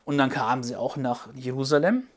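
A woman retelling a Bible story for children, patient and gently explaining, with playful hesitations. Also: extremely low pitch, fairly quick.

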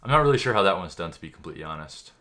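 A man's voice: low voice, sing-song, racing, pushed and bright. A man giving a mock magic tutorial commentary in an offhand, boastful, know-it-all way. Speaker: YouTuber.

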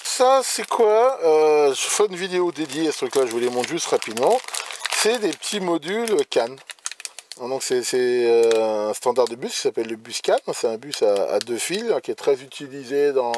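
A man's voice: medium pitch, very animated, normal speed, slight background noise. A man casually presenting electronics gear he bought, hesitant, with many restarts and fillers. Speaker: electronics hobbyist presenting purchases. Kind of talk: casual show-and-tell.

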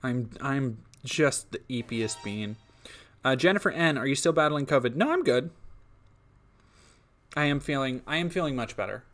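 Pausing often, the same kind of young streamer-developer speaks in a mid-range, slightly bright voice at normal speed, with expressive delivery. He's sleepy and a bit sniffly, responding to chat in a rambling way full of ums and false starts.

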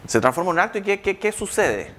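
A man lectures to a live audience. He keeps checking in with the room, asking rhetorical questions and pausing for replies. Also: high-pitched, big pitch swings, a bit bright, slight background noise.

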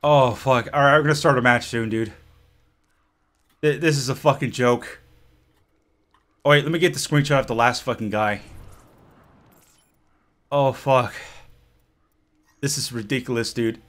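A man giving live gameplay commentary, ranting in an exasperated, profane way that swings between shouting and low muttering. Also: measured pace, long pauses. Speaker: gaming channel host.

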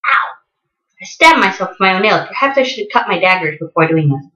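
A woman in her twenties vlogs in a bright, forceful voice with lively swings in pitch. Her speech is slightly impeded by a tongue piercing, and she narrates what she does with frequent exclamations. The sound is roomy and echoey, as from a small bare room. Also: fast talker, muffled recording. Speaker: vlogger. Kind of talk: casual vlog chat, talking to viewers while doing a task.

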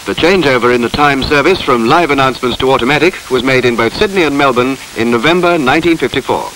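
A man reading formal, measured scripted narration for a 1950s documentary on an old film soundtrack. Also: medium pitch, a bit bright, slight background noise, poor audio.

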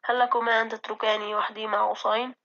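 A woman playing a calm dying old caliph. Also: on the high side, quick pace, gravelly, lo-fi sound. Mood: gentle. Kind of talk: classroom drama reading.

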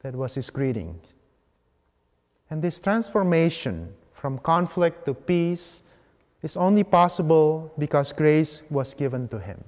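A priest preaches a homily from the lectern in a large church, his fairly high-set voice very animated with a darkish tone. He speaks in deliberate, measured phrases with pauses between, and the sanctuary's long reverb lingers behind his words.

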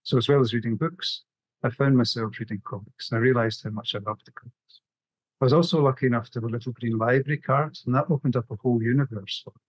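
A middle-aged graphic novelist from the west coast of Scotland presents a prepared webinar talk over a video call in his Scottish accent. His mid-range voice moves at a quick pace, and the recording is dry and rough.

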